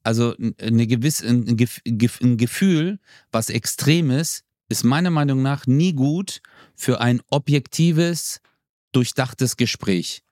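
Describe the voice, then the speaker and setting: A man's voice: medium pitch, slow pace, a little mellow, no echo. Slangy laid-back man, dry close sound. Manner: laid-back, slangy, acts out quoted lines. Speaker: podcast co-host. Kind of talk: casual chat.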